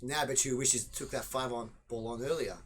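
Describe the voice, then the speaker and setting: Man, pool co-commentator, jokey and excitable, faint hall ambience. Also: mid-range voice, brisk, a little hiss or hum.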